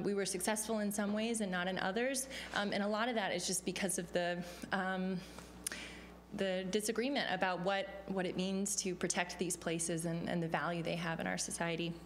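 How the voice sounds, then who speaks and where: A young woman moderating a panel at a podium microphone in a lecture hall, reading out a speaker introduction in a measured way with frequent ums. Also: on the low side, steady tone, slight background noise. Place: law school lecture hall.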